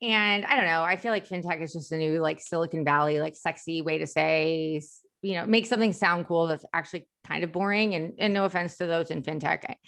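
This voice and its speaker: A woman's voice: deep voice, a little fast, creaky, a bit bright. An American woman in her thirties with a slight lisp and slushy s sounds, chatting casually and self-deprecatingly as an interview guest. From Chicago area, United States. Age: 30s. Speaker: company founder, interview guest.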